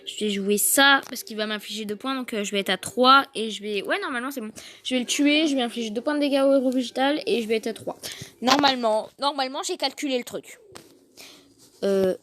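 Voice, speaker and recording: A woman giving casual gameplay commentary, excitable and fretful, thinking aloud to her viewers. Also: on the high side, fairly quick. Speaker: gaming video host. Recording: noticeable background noise.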